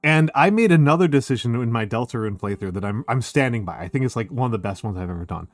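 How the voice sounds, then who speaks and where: A man chatting casually as a streamer, excitable and rambling, leaning on filler words like "like". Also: mid-range voice, fast, no room sound, faint music behind. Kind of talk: casual chat.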